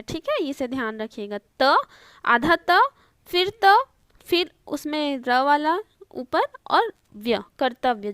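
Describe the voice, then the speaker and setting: A woman's voice: high-pitched, no echo, studio quality. A woman teaching an online spelling lesson, explaining step by step and repeating each word with frequent checks like "okay?". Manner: explains step by step, often repeating words and asking "ठीक है".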